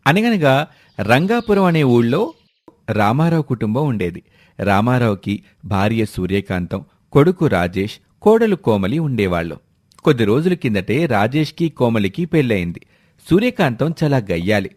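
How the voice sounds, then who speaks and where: A man's voice: mid-range voice, big pitch swings, normal speed, darkish tone. A man narrating a folk story in a scripted storyteller's lilt.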